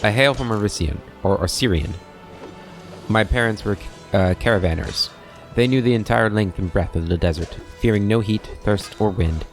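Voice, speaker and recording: A disciplined veteran soldier who speaks with formal, measured dutifulness, as a man reads his lines in a low voice. He is a role-playing game character. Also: faint music behind, close to an everyday voice. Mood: earnest.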